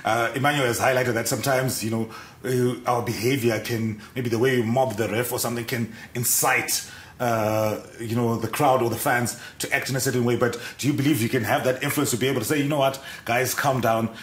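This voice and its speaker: A man in his thirties hosts a sports interview in a TV studio, asking long, probing questions and filling pauses with "uh". His voice sits at an ordinary middle pitch and rings in a roomy space. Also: steady tone, slight background noise. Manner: probing questions with frequent fillers. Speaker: TV sports show host.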